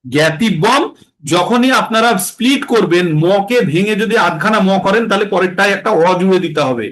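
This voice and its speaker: A man teaching how to recite Sanskrit verses in a class, explaining patiently and slowing to chant lines syllable by syllable. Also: high voice, animated, a bit bright, rough recording. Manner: patient, explanatory, checks understanding.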